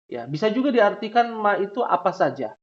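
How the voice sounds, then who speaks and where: A man teaching a class, asking questions slowly and tagging many lines with "ya". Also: sits high, sing-song. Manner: drawn-out questioning, frequent "ya" tags. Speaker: Arabic teacher. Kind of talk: classroom lesson. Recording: dull lo-fi recording.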